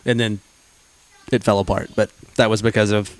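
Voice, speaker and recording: Deadpan man in his forties. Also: fairly low pitch, normal speed, low-quality recording. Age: 40s. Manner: dry, deadpan wisecracks. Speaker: podcast co-host. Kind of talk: casual chat.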